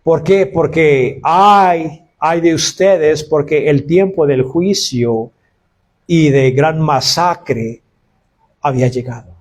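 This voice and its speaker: A man's voice: fairly high pitch, slow pace, a little mellow. A man preaching a sermon to his congregation, calling them brothers and acting out quoted cries of woe. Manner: preaching, addresses listeners as brothers. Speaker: pastor.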